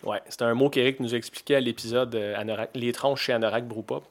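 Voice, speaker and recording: A man in his forties with a Québécois accent hosts a casual podcast, talking loosely and chattily with plenty of fillers and restarts. His voice is medium-pitched with fairly even intonation, and he speaks quickly.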